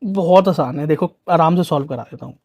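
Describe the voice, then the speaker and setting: A man's voice: fairly high pitch, a little fast, darkish tone, breathy edge. A young man, teaching physics for exam prep in a chatty, coaxing way full of rhetorical questions.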